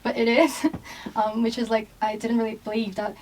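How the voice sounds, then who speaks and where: A woman's voice: fairly high pitch, little pitch movement, normal speed, a little mellow. A young woman from Brazil, chatting casually as a guest and giggling between thoughts. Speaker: guest, exchange student. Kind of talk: casual chat. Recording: distant mic, faint noise.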